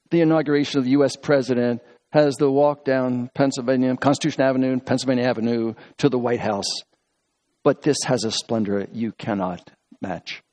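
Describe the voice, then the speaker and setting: A man preaching a sermon, telling stories and reading scripture, moving between quick asides and slow, emphatic phrases. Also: mid-range voice, darkish tone. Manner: reads scripture aloud within the talk. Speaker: pastor.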